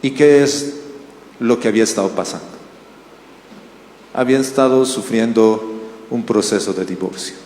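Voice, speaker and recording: A man's voice: medium pitch, normal speed, long pauses. A man from Bolivia preaching a sermon as pastor, telling stories and asking the congregation questions. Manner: animated storytelling with questions to the congregation. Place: church hall. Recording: roomy church hall reverb.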